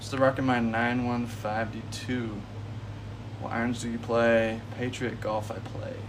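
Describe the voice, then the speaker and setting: A relaxed young man in his twenties chats through golf tips on a backyard livestream. He sounds set back from the phone mic, with a clear hum of an air conditioner and outdoor noise behind him. His tone is friendly and easygoing, and he calls viewers bro. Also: mid-range voice, unhurried, distant mic. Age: 20s.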